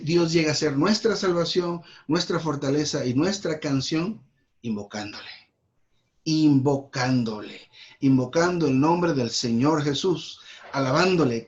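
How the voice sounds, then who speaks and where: A man with a Guatemalan accent leading a church Bible study, reading verses and explaining them slowly, repeating key words for emphasis. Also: fairly high pitch. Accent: Guatemalan Spanish. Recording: dull lo-fi recording.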